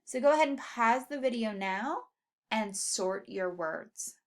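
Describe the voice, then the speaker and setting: A woman's voice: a little high, expressive, measured pace. A woman teacher giving a careful spelling lesson to students, drawing out the example words.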